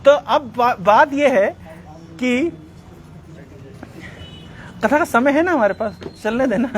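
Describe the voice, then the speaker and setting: A man giving a devotional talk, retelling scripture as a lively story and slipping English words into his speech. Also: extremely high pitch, slow pace, a little hiss or hum. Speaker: religious speaker.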